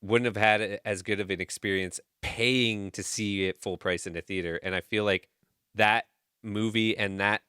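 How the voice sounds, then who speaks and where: A young man co-hosting a podcast in casual chat, animated and profane, jumping up in pitch for emphasis. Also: normal speed, clear, resonant tone, no echo, studio quality. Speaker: podcast co-host.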